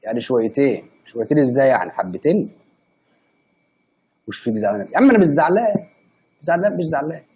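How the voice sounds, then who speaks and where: Fast-talking husky Egyptian man streaming. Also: poor audio. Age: late 20s. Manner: excitable, bursts into high-pitched indignant protest. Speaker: live streamer. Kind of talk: live stream chat reading viewer comments.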